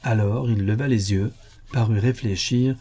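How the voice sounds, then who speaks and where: A man reading a classic French detective story aloud in a measured, steady narration. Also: lowish voice, husky. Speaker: audiobook narrator. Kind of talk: scripted narration.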